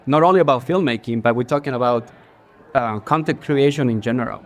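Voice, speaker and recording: At a bar with a live audience, the Ecuadorian creative director, a man in his forties, talks as a guest in a relaxed stage interview. He speaks a little fast in a mid-range voice with an Ecuadorian Spanish accent. His answers are earnest but broken up by fillers and restarts.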